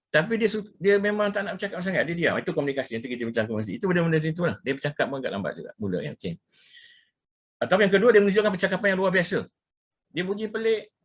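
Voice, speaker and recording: A man's voice: sits high, lively intonation, racing. A middle-aged man with a Malaysian Malay accent giving an informal lecture with slides, repeating himself and dropping in English words. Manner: casual, repetitive, mixes in English words, frequent "ya" and "ha". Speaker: ruqyah practitioner giving a talk.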